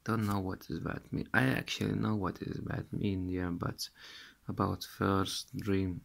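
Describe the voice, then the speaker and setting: In a small room, a Lithuanian vlogger in his thirties describes a dream to the phone camera he holds close. His English carries a Russian accent, and his low voice is gravelly, fry-laden, and flat as he slowly and haltingly repeats words while searching for the right ones.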